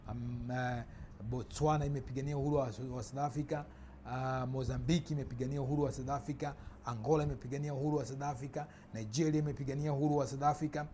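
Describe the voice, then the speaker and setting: A man giving casual spoken commentary, halting and restarting often with many fillers. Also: medium pitch, steady tone, dark tone. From Tanzania. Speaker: vlogger. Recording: noisy background ambience.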